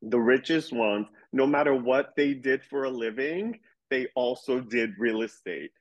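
At a measured pace and medium pitch, a man who grew up in a Persian community, now a reality TV star, talks openly and with energy on a laid-back podcast, cursing now and then as he lays out his opinions. The audio quality is lo-fi.

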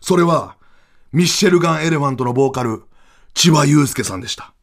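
A man with a Kansai accent telling an absurd comic story in a loud, animated, mock-dramatic way. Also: fairly high pitch, fast talker. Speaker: comedian storyteller.

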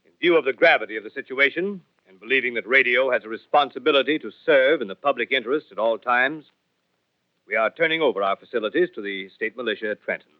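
A man's voice: mid-range voice, quick pace, natural voice. A man playing a stiff radio executive reading a formal statement in a 1930s radio drama. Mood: solemn, official. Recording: dull old radio recording.

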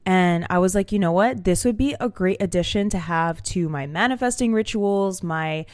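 A young woman telling stories to camera in a casual vlog, chatty and animated with many fillers. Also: fairly low pitch, normal speed, no echo, studio quality. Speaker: vlogger. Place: small room at home. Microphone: camera mic.

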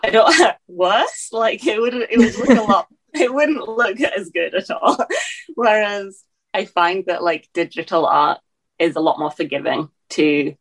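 A woman in her twenties from England, with a slightly Scottish-tinged English accent, answers interview questions as a guest. Her mid-range voice is measured in pace with a breathy edge, and she hesitates a lot, filling gaps and restarting her sentences.

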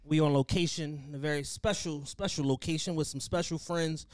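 A man's voice: fairly high pitch, steady tone, moderate pace, a little mellow, smooth. A man hosting a casual podcast chat. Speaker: podcast host.

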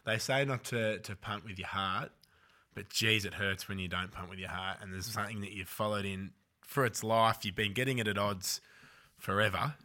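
A man's voice: lowish voice, fairly even intonation, moderate pace, pushed and bright. An Australian man hosting a racing tipping show in casual, teasing banter with his mates. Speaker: host of a greyhound tipping show.

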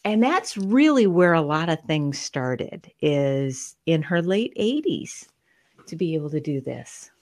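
A woman's voice: sits low, sing-song, takes it slowly. A middle-aged woman, a guest author, telling stories about her mother in a podcast interview.

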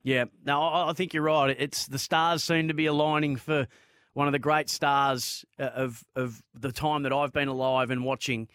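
A man's voice: medium pitch, fairly even intonation, moderate pace, fairly bright tone, smooth. An Australian man hosting sports talk radio, speaking conversationally to listeners and callers. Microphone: close studio microphone.

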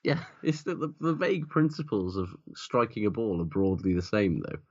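A very deep-voiced man chats casually as a podcast co-host, blunt and sweary, rambling through his points. The recording is dull and lo-fi. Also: big pitch swings, moderate pace, a little mellow, slightly rough. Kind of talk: casual sports chat.

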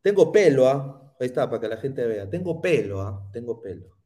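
A man's voice: medium pitch, big pitch swings, brisk, dark tone. A man with a Peruvian Spanish accent hosting a casual livestream, talking in a sarcastic, rambling, teasing way. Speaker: podcast host.

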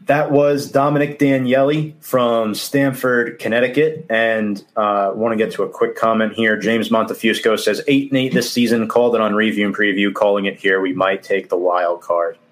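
Low-pitched New sports host. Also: male voice, steady tone, moderate pace, hardly any pauses. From Queens, New York City. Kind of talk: live sports talk show hosting.

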